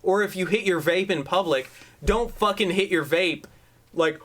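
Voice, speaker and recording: A man with a high-sitting, slightly bright voice talks at a moderate pace into a desk microphone in a room at home. He's co-hosting a casual podcast chat, ranting in a profane, rambling way and acting out what he means as he goes.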